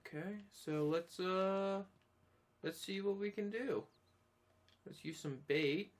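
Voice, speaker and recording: A man's voice: sits high, slow pace, a little hiss or hum. A man hosting his own gameplay series, chatting casually with sarcastic asides. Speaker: gaming channel host. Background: game music.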